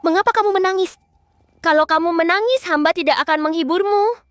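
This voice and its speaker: An actress dubbing a young empress in a historical drama, speaking in a wry, thoughtful way. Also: female voice, extremely high pitch, brisk, fairly bright tone, dry recording. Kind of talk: Indonesian drama dub.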